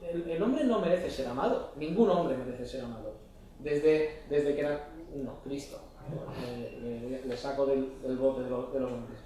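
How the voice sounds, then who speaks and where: Preacher with a dark voice in an echoey hall. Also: male voice, medium pitch, moderate pace, a little hiss or hum. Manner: asks the congregation short questions. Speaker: pastor. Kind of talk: sermon. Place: church hall. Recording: echoey church hall, mic at a distance.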